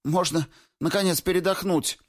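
A man's voice: high voice, fairly even intonation, normal speed, pitched above the performer's own voice. A man voicing a frail young woman who pleads for rest in an audiobook, with a whiny, pleading manner.

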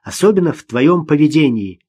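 Guy doing a scared young mom yelling after her kid, raised husky voice. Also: fairly high pitch, very animated, a little fast. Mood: stern. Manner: frantic calling, then stern reproach. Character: shaken young mother, woman, anxious and stern.

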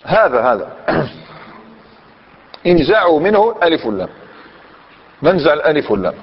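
Male grammar teacher, fairly high voice, quizzes his students, lo-fi recording with long echo. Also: big pitch swings, brisk, slightly rough. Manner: questions the class and repeats answers. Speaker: Islamic scholar teaching Arabic grammar. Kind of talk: classroom grammar lesson. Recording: dull lo-fi recording in a reverberant hall.

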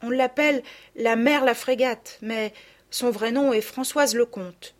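A woman's voice: a little high, steady tone, a little slow, voice pushed up, natural voice. A woman voicing a poor, frail little girl who speaks meekly and politely in a storybook reading. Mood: meek, pleading. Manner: meek and polite.

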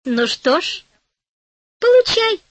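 A woman's voice: very high-pitched, sing-song, takes it slowly, no echo, voice pushed up, full character voice. A woman voicing a tiny, playful female fairy in a storybook reading, light and merry. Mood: teasing.

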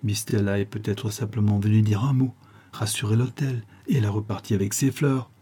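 A man reading the part of a calm, ironic police inspector who speaks in a measured, gently persuasive way. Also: lowish voice, husky. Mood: reassuring.

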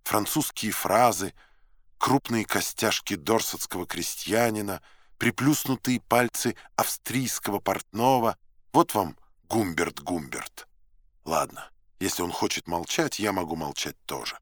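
A man narrates a novel in the first person with a low voice. His reading is measured and dramatic, with an ironic edge. The sound is dry and close to the mic. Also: fairly bright tone, no echo. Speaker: audiobook narrator.

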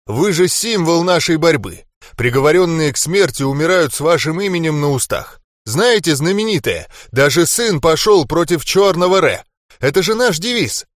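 A blunt, chatty rebel stonemason, voiced by a male reader, somewhat higher than the reader's plain voice and lively in tone. He rattles on in a storybook reading with a dry close sound. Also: moderate pace, dry recording, natural voice. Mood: devoted. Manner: blunt, talkative.

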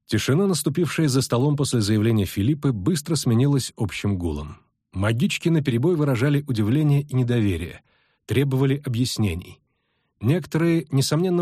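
A man narrating a fantasy audiobook in a measured, even storytelling manner. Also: mid-range voice, breathy edge, no echo, clean studio sound.

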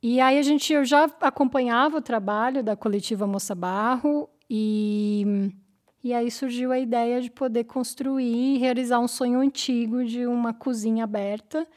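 Woman guest, slightly high voice, easygoing and chatty, studio interview. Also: moderate pace. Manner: relaxed, rambling with fillers like "né" and "então". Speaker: interview guest, cultural center member. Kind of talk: podcast interview. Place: radio studio.

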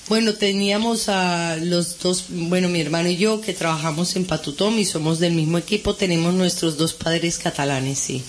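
A woman's voice: on the low side, normal speed, hardly any pauses. Woman, theatre guest on radio, friendly, slight background noise. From Colombia. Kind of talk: radio interview.

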